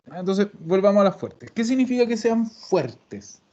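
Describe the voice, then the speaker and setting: A man teaching an online Italian class, explaining slowly and patiently to his students. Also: high-pitched, sing-song, darkish tone. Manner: slow, patient explaining, addresses students formally. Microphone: video call. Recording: dull lo-fi video call audio.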